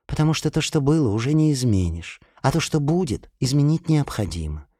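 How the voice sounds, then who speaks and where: A man's voice: mid-range voice, sing-song, brisk, mellow, no echo, clean studio sound, pitched above the performer's own voice. A man voicing a condescending young woman who explains things in a patronizing tone.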